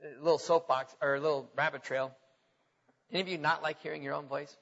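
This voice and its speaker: A man preaching a sermon and reading scripture aloud, stretching his words and swinging from loud emphasis to quiet asides. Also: a little high, steady tone, a little fast, creaky. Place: church sanctuary. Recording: reverberant hall, dull lo-fi sound.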